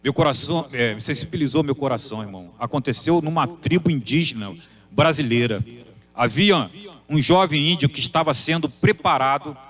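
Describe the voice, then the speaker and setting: High-voiced preacher. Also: male voice, normal speed, a bit bright. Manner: rhetorical, emphatic questioning. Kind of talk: sermon.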